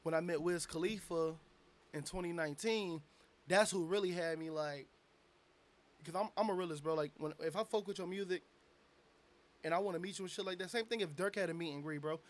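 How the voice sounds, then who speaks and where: A young man, a bit drunk, telling a long animated story in a casual interview, full of slang and swearing. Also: sits high, a little fast. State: tipsy. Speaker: guest, aspiring rapper.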